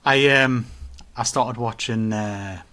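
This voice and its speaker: A man talks casually on a podcast, voice sitting at an ordinary middle pitch. He tells his stories with energy and acts out the quotes he repeats. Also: slow pace. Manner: animated storytelling, acts out quotes. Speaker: podcast co-host. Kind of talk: casual chat.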